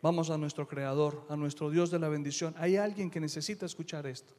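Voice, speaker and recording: A middle-aged man preaching a sermon as pastor, emphatic, moving between quiet asides and loud declarations. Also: fairly high pitch, fairly even intonation, brisk, long reverb tail.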